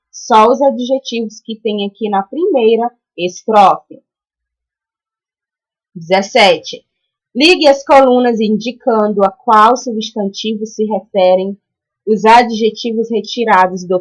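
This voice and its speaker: A Brazilian woman teaching a primary school class in a recorded lesson, walking through each exercise patiently and stretching out example words slowly. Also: a little high, rough recording. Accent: Brazilian Portuguese. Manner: patient, explains step by step and checks in with "tá?".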